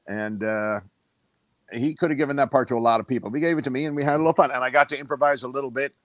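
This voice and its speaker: A man's voice: mid-range voice, racing, no room sound. An older man, an actor guest, telling rambling anecdotes in a casual interview.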